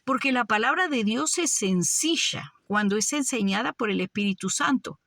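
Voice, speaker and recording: A woman's voice: fairly high pitch, expressive, normal speed, fairly bright tone, dry recording, clean studio sound. A woman preaching a fervent sermon, often calling her listeners beloved brothers. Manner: fervent, addresses "amados hermanos" often.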